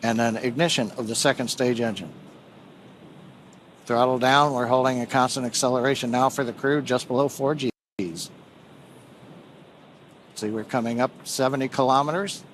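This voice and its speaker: A man's voice: medium pitch, fairly even intonation, normal speed, pauses often, a bit bright, low-quality recording. Man doing live launch commentary, background noise. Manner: explanatory, technical.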